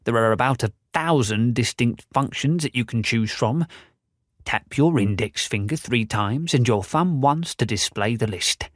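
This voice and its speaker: A man's voice: mid-range voice, lively intonation, a little slow, dry recording. Audiobook casting: a man playing a forgetful old tinkerer, patient and instructive, dry close read. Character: old male inventor, kindly, forgetful. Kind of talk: audiobook character voice.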